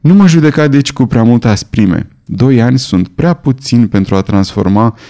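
A man's voice: medium pitch, expressive, dark tone, lightly acted. A man voicing a remorseful young man raised in the jungle, speaking earnestly.

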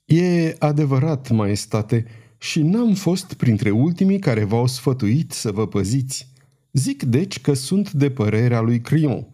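A man voicing a grave marshal who speaks in a measured, cautious way. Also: medium pitch, very animated, dark tone. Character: grave middle-aged male marshal.

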